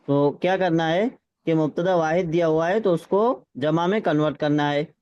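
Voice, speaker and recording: Brief: male Arabic teacher, high voice, patient, slightly dull lo-fi audio. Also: a little mellow, clear, resonant tone. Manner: patient, checks understanding, reads Arabic phrases slowly. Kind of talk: classroom lesson with drills.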